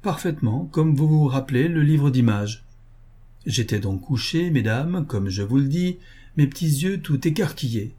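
A man reading as a witty young gentleman who teases his companions with playful tall tales. The voice is dark and husky in a novel read aloud. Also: medium pitch, lively intonation, moderate pace, pitched above the performer's own voice. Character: young Englishman, witty and teasing.

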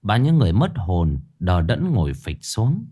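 A man narrating a ghost story in a dramatic, expressive storytelling manner. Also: lowish voice, normal speed, slightly rough.

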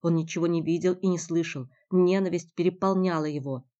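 A woman reading a novel aloud as audiobook narrator, in a steady, dramatic manner. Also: lowish voice, a little fast. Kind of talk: scripted narration. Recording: dull lo-fi recording.

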